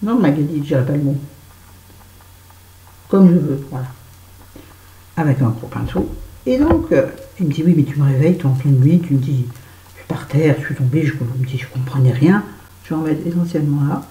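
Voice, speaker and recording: A woman's voice: sits low, brisk, pauses often, warm tone, reverberant, rough recording. A woman telling a story to her viewers in a casual vlog while doing her make-up, chatty and swearing freely. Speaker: vlogger. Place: bedroom at home.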